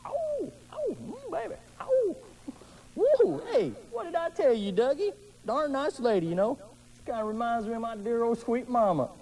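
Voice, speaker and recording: A man's voice: very high-pitched, animated, fairly quick, a little mellow, rough recording. A man playing a goofy, dim-witted, lecherous sidekick in campy horror host comedy, with silly wisecracking patter.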